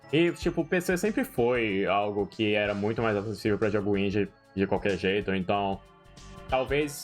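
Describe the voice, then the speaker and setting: A young streamer with a Brazilian Portuguese accent rambles through gaming commentary full of swearing and slang, in a fairly low-pitched voice.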